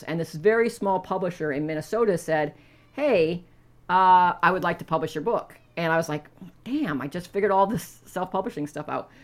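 A woman with a fairly low voice chats on a podcast as a guest. She tells her stories with an animated, easy storytelling manner. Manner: chatty storyteller, animated when telling anecdotes. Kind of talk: casual podcast chat.

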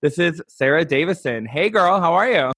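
A man's voice: fairly high pitch, lively intonation, moderate pace, fairly bright tone, slightly rough, dry recording. Effusive male host with a dry sound. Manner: effusive, laughs often. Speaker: podcast host. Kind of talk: casual interview chat.

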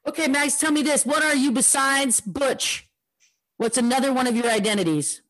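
A woman co-hosting a casual chat, teasing and quick with asides. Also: sits high, a bit bright. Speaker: podcast co-host.

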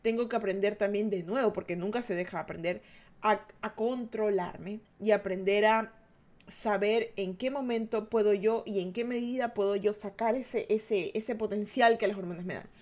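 A woman's voice: medium pitch, steady tone, normal speed, darkish tone. An adult woman hosting a podcast, giving an earnest, reflective monologue and speaking directly to her listeners. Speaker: podcast host.

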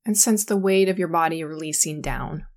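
A woman guiding a sleep meditation in a calm, soothing, slow manner. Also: low-pitched. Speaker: meditation guide.

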